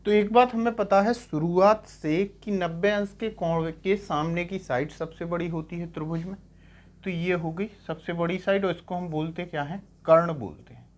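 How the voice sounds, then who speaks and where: A young man teaching math in a lecture, explaining step by step and often asking "clear?" to check. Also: high voice, steady tone, normal speed. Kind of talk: classroom lecture on trigonometry.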